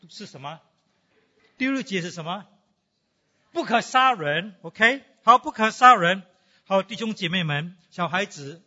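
A man's voice: on the high side, sharp tone, breathy edge. A man preaching a sermon in a church, reading scripture aloud and asking the congregation questions, dropping in English fillers. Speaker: pastor. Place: church hall. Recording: dull hall recording with long reverb.

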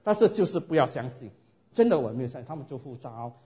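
A man preaching a sermon and telling his own story in a lively way, often asking his listeners rhetorical questions. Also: medium pitch, fast talker. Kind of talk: sermon with personal testimony. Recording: dull lo-fi recording.

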